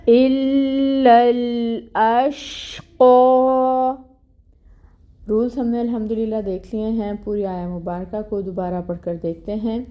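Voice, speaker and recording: Mellow-voiced woman teaching Quran recitation. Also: fairly even intonation. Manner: explains rules plainly, mixing in English words; recites verses slowly and drawn out, higher and louder. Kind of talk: online recitation lesson.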